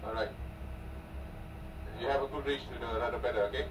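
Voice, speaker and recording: A man's voice: medium pitch, steady tone, a little fast. A man with a Malaysian accent coaching as a centrifuge training instructor, giving clipped commands in a reassuring way. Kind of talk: coaching over an intercom during training. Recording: noisy, echoey intercom, distant from mic.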